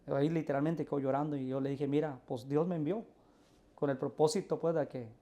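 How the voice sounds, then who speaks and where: A man's voice: on the high side, steady tone, quick pace, warm tone. A male pastor, telling his testimony earnestly and acting out the voices in his story. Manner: earnest storyteller, acts out quoted dialogue.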